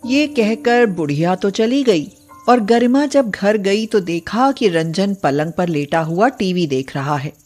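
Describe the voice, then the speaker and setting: A woman's voice: mid-range voice, animated, unhurried, darkish tone, faint music behind. A woman narrator reading a scripted moral story.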